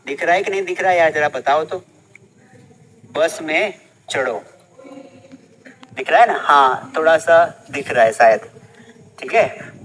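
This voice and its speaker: A man's voice: high voice, bright, forceful tone, slight background noise, low-quality recording. A man teaching English phrases in a casual classroom style, quizzing his listeners with repeated questions.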